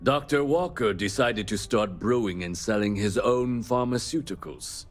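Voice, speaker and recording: An actor playing a cold, smug trade company manager in a video game, delivering measured villain-like monologue in formal tones. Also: male voice, lowish voice, faint music behind, close to an everyday voice. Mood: cold, dismissive.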